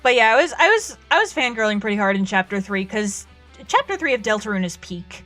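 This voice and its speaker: Young woman streamer, chatty and excitable, a bit of a cold, bright higher voice over faint music. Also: a little fast. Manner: excitable, gushes and laughs a lot. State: coming down with a cold, coughing. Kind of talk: casual chat while drawing.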